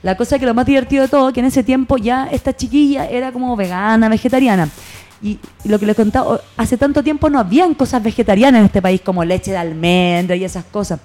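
A woman with a Chilean accent, telling backstage stories in a casual podcast chat, animated and laughing. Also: on the high side. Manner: animated storytelling, quick and laughing.

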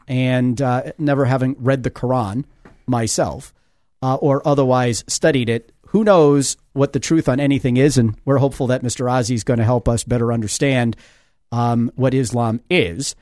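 A man hosts a talk radio show from a studio, with a voice of ordinary pitch. He talks haltingly and fills his pauses with fillers. The sound is close and dry. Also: darkish tone, dry recording. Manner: hesitant, with many fillers. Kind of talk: radio interview. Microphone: studio mic.

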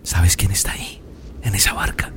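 A man voicing the wind as a low, hushed, secretive speaker in a storytelling sermon. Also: big pitch swings, fairly quick. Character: low whispery male wind spirit.

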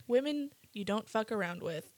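A woman's voice: mid-range voice, expressive, moderate pace, a little mellow, no room sound. Giggly sarcastic woman hosting a podcast. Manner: giggly, sarcastic, swears casually. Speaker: podcast host. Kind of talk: casual chat, storytelling.

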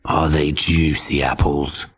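Storybook villain: a man doing a deep, growly, crafty wolf, drawn out and slow. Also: level tone, breathy edge, full character voice. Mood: fake friendly. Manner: slow, menacing, then falsely friendly. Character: big bad male wolf, hungry and scheming.

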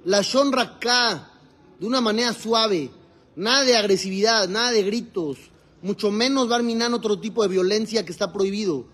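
A rabbi teaches a live religious class in a high-pitched, brisk, slightly bright voice. He poses questions to his students, answers them himself, and explains the Hebrew texts he quotes.

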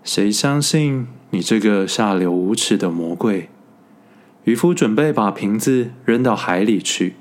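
A man reading a storybook tale aloud, in a slow, even narration. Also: mid-range voice.

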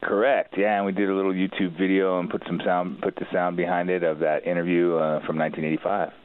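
A man talking as a podcast guest in halting casual chat, full of fillers. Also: low-pitched, flat delivery. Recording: tinny phone line.

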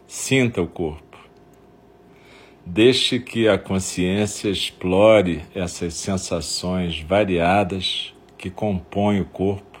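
A man with a Brazilian accent and a husky voice leading a guided meditation in short, unhurried phrases with long pauses. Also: low voice.

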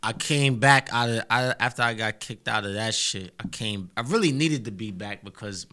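A man's voice: on the low side, moderate pace, sharp tone. A young man with a New York accent, telling his story as a rapper guest in a casual, slangy podcast chat. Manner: laid-back, slangy storytelling with frequent "you know what I mean".

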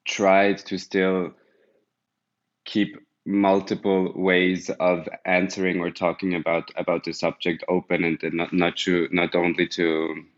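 Deep low guy on a panel, flat delivery, slow and careful, kinda muffled audio. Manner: slow, deliberate, with repeated restarts. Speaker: artist and panel guest. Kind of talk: panel discussion. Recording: dull lo-fi sound.

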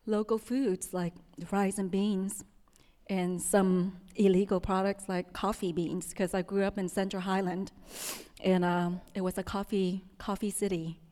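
Softly telling woman with Vietnamese accent. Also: on the low side, big-room sound. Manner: soft-spoken, with frequent ums and restarts. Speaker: storyteller. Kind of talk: personal story told to an audience.

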